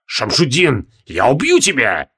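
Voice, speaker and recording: Man doing a proud hot-headed wizard, roars and sulks, storybook style, lively pitch. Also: measured pace, husky, full character voice. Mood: indignant. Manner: roaring, then whining. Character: proud touchy old archmage, easily enraged.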